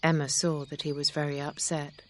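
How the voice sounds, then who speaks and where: Low-voiced woman reading a story. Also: flat delivery. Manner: slow, clear, measured reading. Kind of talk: scripted storybook narration.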